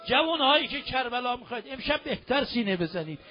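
A man preaching a mourning sermon, moving between quiet retelling and shouted, lamenting cries. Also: very high voice, lively intonation, faint music behind. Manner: swings from soft to shouting lament. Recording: dull lo-fi sound.

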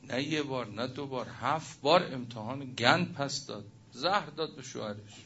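A man preaching a religious sermon, telling a story with passion, his voice swinging between loud and hushed. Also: mid-range voice, slightly rough. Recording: muffled recording with faint noise.

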